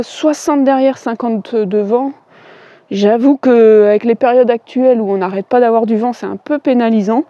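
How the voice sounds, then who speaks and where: A woman's voice: fairly high pitch, warm tone, no room sound, lo-fi sound. A woman giving a chatty, enthusiastic walkthrough of her bikes, with lots of fillers. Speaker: cycling vlogger. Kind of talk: casual bike walkthrough.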